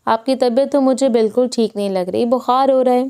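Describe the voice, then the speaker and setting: A woman's voice: fairly high pitch, dark tone, smooth, natural voice. A woman voicing a caring, cheerful young wife in an audiobook. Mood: worried. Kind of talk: audiobook dialogue.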